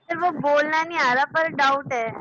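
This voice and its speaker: A woman's voice: high voice, normal speed, fairly bright tone, no echo, muffled recording. A young female student in a class who answers and asks the teacher questions, calling him sir.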